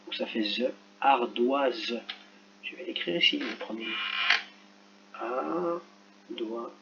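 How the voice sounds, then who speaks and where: A male teacher correcting a reading exercise for children, talking slowly and carefully and spelling out each sound as he works. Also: mid-range voice, vocal fry, dull audio, heavy background noise. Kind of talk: screen-recorded lesson correction.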